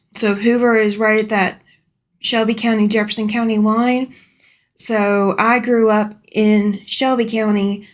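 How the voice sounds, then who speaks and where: Speaking from her home sewing room, a medium-pitched woman from Alabama rambles casually on a live stream and answers viewers' comments aloud.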